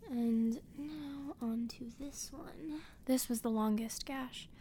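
A woman playing a playful hermit woman who tends a wounded man, talking gently and often dropping into a half-whisper. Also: high-pitched, slow, a little hiss or hum. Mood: soothing. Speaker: audio roleplay performer. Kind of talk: audio roleplay addressed to the listener.

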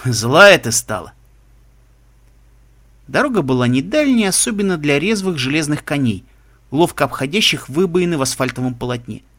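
A man reads a story aloud in a steady, measured voice. His voice sits a little higher than most men's. The delivery is an even audiobook narration. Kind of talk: audiobook reading.

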